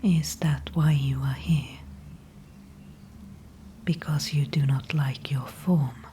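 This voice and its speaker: In an ASMR roleplay, a woman whispers as an ancient dryad, a calm and wise female tree spirit, using formal, old-fashioned phrasing. Her soft, unvoiced whisper stays low, hushed, unhurried, dark and mellow throughout, conveying a calm, knowing mood. Faint ambience and slight background noise sit behind her.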